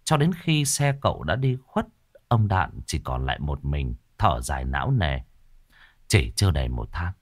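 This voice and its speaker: A man narrating a ghost story in a dramatic, expressive way. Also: low voice, no echo, clean studio sound.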